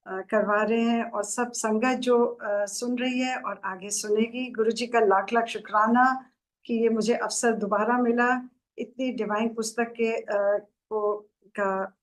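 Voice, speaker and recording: Female devotional speaker, slightly high voice, reverent and measured, explains a sacred book. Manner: reverent, measured, with thankful greetings. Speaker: spiritual book reader and explainer.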